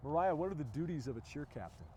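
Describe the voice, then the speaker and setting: A man working as a TV sports reporter, interviewing people outdoors at a high school event with an energetic, polished broadcast delivery. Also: fast, background noise. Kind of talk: upbeat on-location TV interview.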